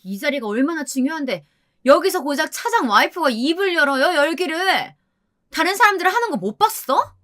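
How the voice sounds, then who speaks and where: A woman voicing a bossy manager's wife who fawns on her superior and scolds those below her, in a high, sharp voice. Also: expressive, moderate pace, few pauses, close to an everyday voice. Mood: scolding. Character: shrill bossy young-ish wife, fawning then scolding.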